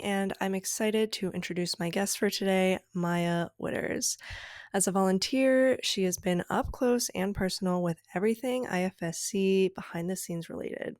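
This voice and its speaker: Low-voiced woman podcast host. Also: darkish tone, no room sound, clean studio sound. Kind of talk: scripted intro, then casual interview.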